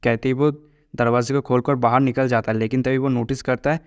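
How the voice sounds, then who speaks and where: A man recaps a story in a steady, even narrating voice that is smooth and clear, with little pitch movement, and he talks fairly quickly. Quoted lines come out plainly in his flat storytelling. The recording is dry and close, with no room echo.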